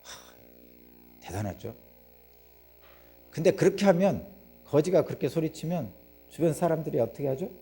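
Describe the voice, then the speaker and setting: A man's voice: on the high side, sing-song, normal speed, pauses often, warm tone, breathy edge. A man preaching a sermon as pastor, telling the story vividly, asking the congregation questions and acting out the voices of the crowd.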